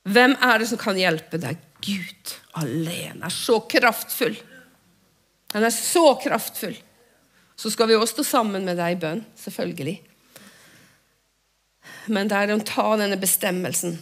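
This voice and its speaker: A woman preaching a sermon and praying aloud, fervent, swinging between loud exhortation and hushed whispers. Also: medium pitch, pauses often. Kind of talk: sermon with spoken prayer. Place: church.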